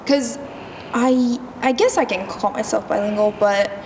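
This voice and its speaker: A young female singer-songwriter with a Japanese accent answers interview questions as a guest, slightly high-voiced and far from the mic. She is soft and thoughtful, slow, with many fillers and giggles, in an echoey, noisy convention room.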